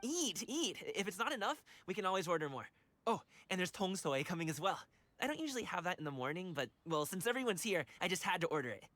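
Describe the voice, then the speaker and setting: Gaming, a lively young dancer. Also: male voice, high-pitched, quick pace, heavily acted. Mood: hospitable, upbeat. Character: Gaming, friendly carefree young male wushu dancer. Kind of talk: video game character voice acting. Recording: game music behind the voice.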